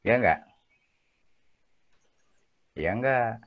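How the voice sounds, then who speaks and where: A man's voice: mid-range voice, lively intonation, very slow, muffled recording. A man lecturing a class in a casual, chatty way, joking and often asking for agreement. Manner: chatty, jokey, peppers talk with tag questions. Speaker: university lecturer.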